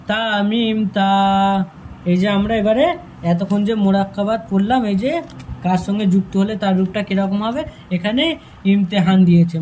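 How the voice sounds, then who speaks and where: A man teaching Quran reading, calling out letters slowly one by one and explaining in quick asides. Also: high-pitched, darkish tone, dull audio, a little hiss or hum. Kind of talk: step-by-step reading lesson.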